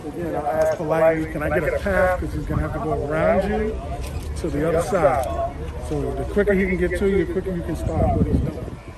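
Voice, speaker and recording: A man from Texas livestreaming outdoors as a protester, confronting a visitor with repeated questions and shouted slogans. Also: fairly high pitch, fairly quick, long pauses. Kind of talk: confrontational street heckling.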